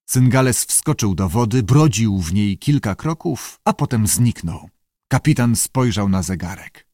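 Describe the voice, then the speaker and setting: A man reading an audiobook in measured, even storytelling narration. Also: lowish voice, no room sound, studio quality.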